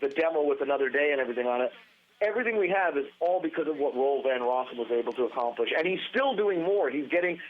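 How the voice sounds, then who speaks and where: Animated man on a tinny phone line. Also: fairly high pitch. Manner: animated, rambling, restarts often. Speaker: podcast guest, former band guitarist. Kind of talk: casual storytelling interview.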